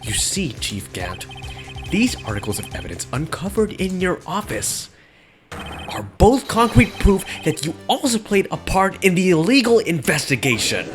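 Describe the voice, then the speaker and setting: Dude reading a young defense lawyer, big courtroom drama voice, pitch all over, game music behind. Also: male voice, wildly swooping pitch, moderate pace. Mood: accusing. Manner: dramatic courtroom delivery, breaks into laughs. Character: earnest young male defense attorney.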